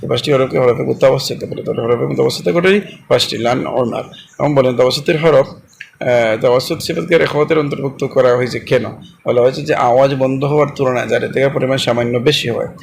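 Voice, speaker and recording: A man teaching a Quran recitation lesson. He repeats every point, quizzes the listeners and spells out letter sounds slowly. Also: mid-range voice, vocal fry, slight background noise. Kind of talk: classroom lesson.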